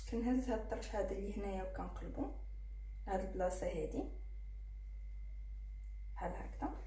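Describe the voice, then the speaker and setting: Brisk Moroccan woman teaching cooking. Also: a little high, mellow, roomy sound, a little hiss or hum. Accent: Moroccan Arabic. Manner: talks viewers through each fold while working. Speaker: cooking channel host. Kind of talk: step-by-step cooking tutorial.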